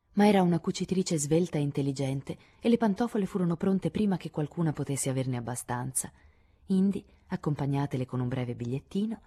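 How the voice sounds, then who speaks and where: Audiobook narrator, woman, low mellow husky voice, measured expressive reading. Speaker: audiobook reader. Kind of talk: scripted narration.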